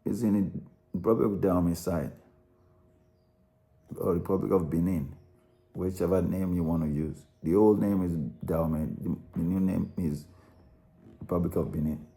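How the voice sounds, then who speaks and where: A man's voice: sits low, fairly even intonation, normal speed, pauses often, mellow. A man with a Nigerian accent, talking through a route in loose, rambling commentary, often restarting and repeating words. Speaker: narrator analysing a song. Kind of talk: unscripted spoken commentary.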